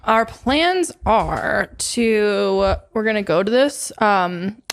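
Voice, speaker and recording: A woman's voice: mid-range voice, lively intonation, drawn-out words, gravelly. A young woman co-hosting a podcast, chatting casually and gushing, with a swear here and there, while she does her makeup. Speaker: podcast co-host.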